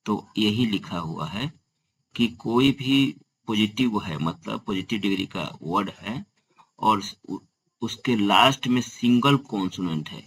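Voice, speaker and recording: A man's voice: fairly low pitch, lively intonation, unhurried, a bit bright, a little hiss or hum, low-quality recording. A man teaching a grammar lesson, explaining step by step and asking and answering his own questions.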